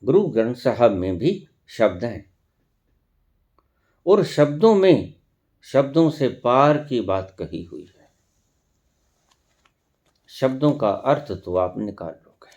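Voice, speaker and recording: A man giving a spiritual discourse as a teacher, deliberate and full of rhetorical questions. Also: medium pitch, a little mellow.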